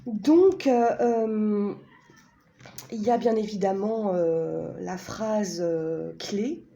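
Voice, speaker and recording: A woman chats her way through a casual product presentation, slow and unhurried, pausing often on fillers and tag questions. Her voice is soft and mellow, and she pokes fun at herself as she goes. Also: mid-range voice, creaky, dull audio. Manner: chatty and self-mocking. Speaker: vlogger presenting a pendulum and an oracle deck.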